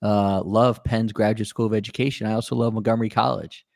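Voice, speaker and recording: A man's voice: on the low side, steady tone, brisk, gravelly, a little mellow, no room sound, studio quality. A male podcast host from the Maryland area, chatting casually and joking, with lots of fillers. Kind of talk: casual interview talk.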